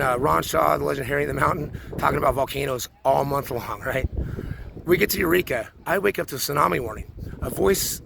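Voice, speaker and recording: A man's voice: fairly high pitch, gravelly, background noise. A man in his forties talking through a rambling personal monologue, full of restarts and repeated words. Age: 40s. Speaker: vlogger.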